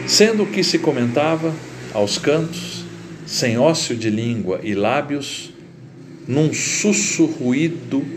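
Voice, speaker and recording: A man reading a literary short story aloud as narrator, in a slow, deliberate and expressive way. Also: mid-range voice, slight background noise.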